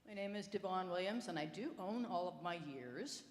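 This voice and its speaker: A woman's voice: lowish voice, animated, moderate pace, a little hiss or hum. A woman in her seventies introducing herself with dry, wry humor. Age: 70s. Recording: echoey hall, faint crowd.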